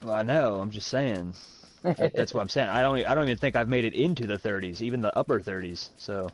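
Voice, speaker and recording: A man's voice: on the low side, fast talker. A young man in casual gaming chat over a headset, laid-back, making crude jokes and swearing a lot. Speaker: gamer in party chat.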